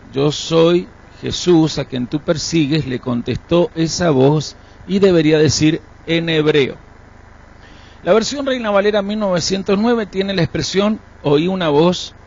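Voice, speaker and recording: A man leading a live-streamed Bible class, explaining texts and checking understanding with quick rhetorical questions. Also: a little high, darkish tone. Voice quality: gravelly, husky. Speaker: Bible teacher. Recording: dull lo-fi stream audio.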